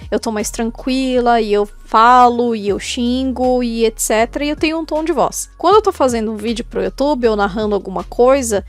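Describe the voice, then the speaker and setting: A woman's voice: a little high, normal speed, few pauses, faint music behind. A woman in her twenties talking to the camera in a casual, candid, chatty vlog. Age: 20s. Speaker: YouTuber and cosplayer.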